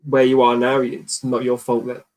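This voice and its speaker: Male co-host, relaxed livestream chat, easy laughs. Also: mid-range voice, normal speed, poor audio.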